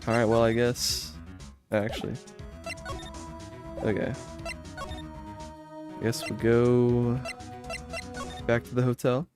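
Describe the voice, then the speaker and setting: A man casually commenting on his video game playthrough. His voice sits at an average male pitch, with faint game music behind it. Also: level tone, takes it slowly, long pauses. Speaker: gamer playing and voicing the game.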